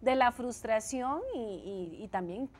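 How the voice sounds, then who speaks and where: A woman's voice: on the high side, a little slow, slight background noise. A woman hosting a call-in talk show, announcing the number and welcoming callers. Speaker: program host.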